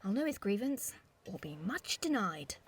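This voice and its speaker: A woman voices Benvolio, the earnest, peacemaking young noble kinsman, in a Shakespearean audio drama, sounding concerned. Her voice is medium-pitched, very animated, and slightly rough, at a normal speed.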